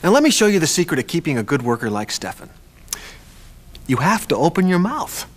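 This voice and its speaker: A man's voice: a little high, very animated, fairly quick. A man presenting a workplace coaching lesson in a conversational, emphatic scripted narration.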